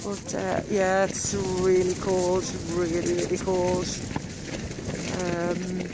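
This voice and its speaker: A woman talking slowly and rambling to a camera from inside her tent at night. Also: fairly low pitch, monotone. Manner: slow, rambling, with many ums and repeats. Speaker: organiser of a women's wild camping meet. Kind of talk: casual vlog to camera. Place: small tent on a windy hilltop at night. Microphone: camera close overhead in the tent. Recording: loud wind noise over the voice. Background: strong wind noise.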